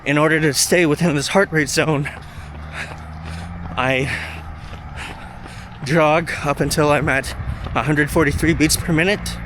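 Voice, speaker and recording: A man talking casually to camera while out running, in short halting phrases. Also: on the high side, fairly even intonation, a bit bright. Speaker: running vlogger. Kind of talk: casual vlog talk to camera. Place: outdoors on a running route. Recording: outdoor street noise, passing cars. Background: traffic and outdoor ambience.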